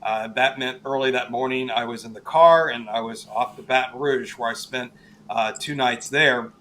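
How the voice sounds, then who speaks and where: A man speaking as an interview guest and weather expert, explaining conversationally in a halting way with emphatic stresses. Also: mid-range voice, bright, forceful tone, slight background noise. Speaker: guest, television chief meteorologist.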